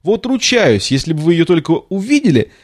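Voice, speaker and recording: A man's voice: a little high, sing-song, a little fast, pitched above the performer's own voice. A man voicing a chatty, tactless little girl who gushes and rambles in a storybook reading. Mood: gushing, eager. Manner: gushing, rambling, apologetic chatter.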